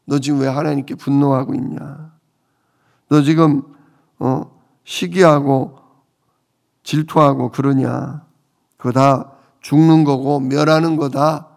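A man's voice: fairly high pitch, steady tone, takes it slowly, vocal fry, pauses often, a little mellow. A man voicing a blunt older male friend who scolds a suffering man and lectures him to repent. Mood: rebuking. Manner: rebuking, lecturing.

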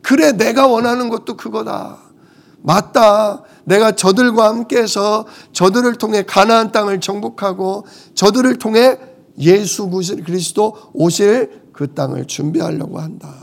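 A male preacher voicing God, who speaks calmly and declares his plan with authority. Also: high voice, a little slow, creaky, full character voice. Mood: resolute.

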